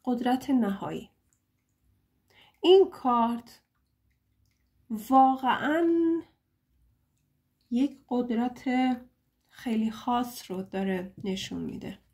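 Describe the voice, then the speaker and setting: A woman's voice: on the high side, pauses often, a little mellow. A young woman giving a casual tarot reading, chatty and playful, joking at her own expense and pleading fondly with her listeners. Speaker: tarot reader.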